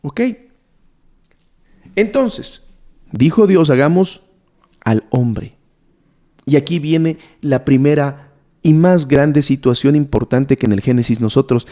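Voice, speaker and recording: A man delivers a sermon-style Bible lesson in a warm, dark voice that sits at an ordinary pitch. He teaches by questioning his audience and returning again and again to the same words. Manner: asks the listeners questions and repeats key words.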